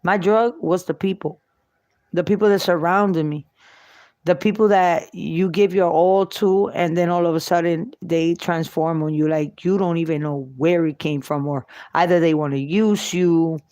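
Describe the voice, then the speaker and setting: A woman's voice: lowish voice, fairly even intonation, moderate pace, mellow, no room sound. Middle-aged woman telling her story, dry sound. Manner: emotional, repetitive, faith-driven. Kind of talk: personal testimony monologue. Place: New York.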